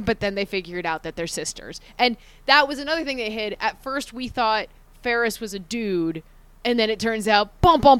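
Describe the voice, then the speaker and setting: A woman's voice: fairly high pitch, fairly bright tone, clean tone, no room sound. A woman co-hosting a casual chat and recapping a video game's plot, laughing often and acting out characters' lines. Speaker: podcast co-host.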